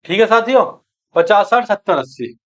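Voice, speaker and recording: A man with a high voice leads an exam-prep maths class. He works through each calculation aloud, quizzing the students and answering himself, and calls them friends and brothers. The sound is dull and muffled. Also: lively intonation, normal speed, a bit bright. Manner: talks through calculations aloud, asking and answering his own questions. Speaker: maths teacher.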